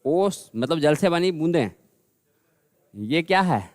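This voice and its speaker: Slow-talking grammar teacher, man. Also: a little high, expressive, dry recording, clean studio sound. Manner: slow, repeats words for students, addresses them as bhai. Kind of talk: classroom lesson.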